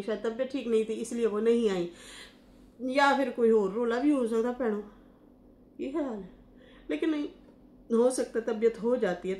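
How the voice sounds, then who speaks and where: A woman's voice: mid-range voice, echoey room. A woman from Pakistan, giving casual, gossipy reaction commentary with many fillers and restarts. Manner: chatty and gossipy, often pauses with fillers and restarts. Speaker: YouTube commentator.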